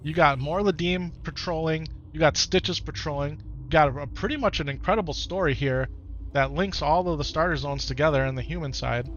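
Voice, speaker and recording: Talking to viewers during a live game stream, a man from Wisconsin with an Upper Midwest American accent keeps the chat casual and often says things twice. His pitch runs on the high side, his pace is a little fast, and his tone is fairly bright, captured with lo-fi sound.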